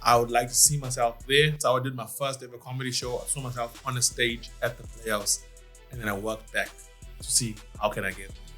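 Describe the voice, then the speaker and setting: A man's voice: mid-range voice, brisk, faint music behind. A man, a comedian guest on a studio podcast, telling stories animatedly and acting out what people said. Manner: animated storyteller who acts out what people said. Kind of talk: casual podcast chat.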